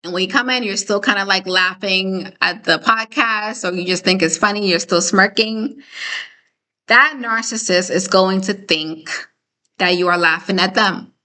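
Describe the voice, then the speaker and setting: A woman hosts a casual live stream, talking straight to her viewers in a clear, bright voice that sits at a middle pitch. She keeps it conversational and emphatic, tagging her points with "okay?" and "right?" as she goes. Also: moderate pace. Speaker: host of a live discussion.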